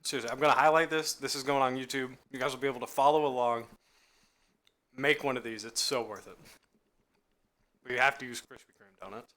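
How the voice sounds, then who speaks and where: A man streams from his home kitchen, talking fast and eagerly between bites, sometimes with his mouth full. His voice is bright and forward. It is relaxed, chatty live-stream talk. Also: medium pitch. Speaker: streamer hosting a cooking stream. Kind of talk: casual chat while eating on a live stream.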